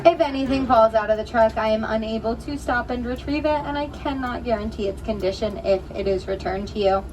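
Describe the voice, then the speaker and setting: High female voice, American accent, safari tour commentary, rehearsed emphatic delivery, noisy truck recording. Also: brisk. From Pennsylvania, United States. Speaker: safari ride guide and driver. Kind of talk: spoken tour commentary to passengers. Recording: distant, noisy recording aboard a rumbling truck.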